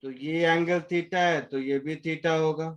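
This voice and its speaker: A man's voice: a little high, steady tone, takes it slowly, highs cut off. A male physics teacher explaining a problem step by step in a live class, often stopping to check that the students follow. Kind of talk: live physics class in Hindi mixed with English.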